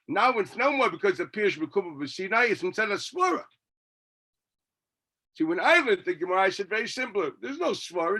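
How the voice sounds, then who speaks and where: High, bright New man teaching Talmud. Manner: argumentative, asking and answering his own questions. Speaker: rabbi teaching a Talmud class. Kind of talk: Talmud lecture, reading and explaining text.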